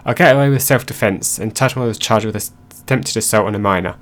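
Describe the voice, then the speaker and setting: A man narrating online stories aloud in a plain, steady reading voice. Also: on the low side, very fast.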